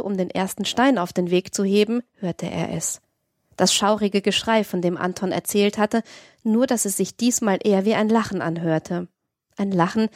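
A woman narrating an audiobook excerpt as a podcast reader, with a steady, measured delivery. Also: mid-range voice, no echo, studio quality.

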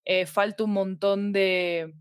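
A woman who produces fiction podcasts appears as a guest in a conversational interview about audio fiction, explaining her thinking and often checking that the listener agrees. She has a Latin American Spanish accent and a smooth, mid-range voice with little pitch movement, spoken slowly. The sound is studio quality with no echo.

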